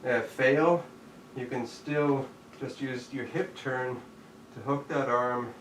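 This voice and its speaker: A jujitsu instructor teaching a live online class calls out each step while demonstrating it. His middle-pitched voice is steady and slow, echoing around the room. The camera mic sits a few steps away, and faint background noise runs underneath.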